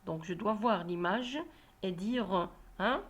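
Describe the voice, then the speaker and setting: Woman teacher going over reading exercises, talks real slow and careful, says everything twice. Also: medium pitch, lo-fi sound. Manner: slow, clearly articulated, repeats instructions. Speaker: primary school teacher. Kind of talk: reading lesson walkthrough.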